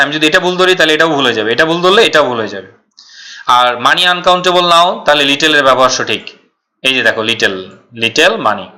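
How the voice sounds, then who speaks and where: A man with a very bright, forceful tone works through grammar questions like a patient tutor. He repeats each rule, slows right down on English examples, and answers his own questions. His pitch sits in the middle range. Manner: stretches out English example sentences. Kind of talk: classroom lesson explaining exam questions.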